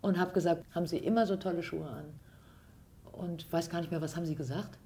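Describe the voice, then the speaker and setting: A woman's voice: on the low side, fairly even intonation, a little fast, warm tone, a little hiss or hum. A woman from Hesse hosting a podcast, chatting with a guest in his home and asking curious follow-up questions. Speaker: podcast host. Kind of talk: casual interview.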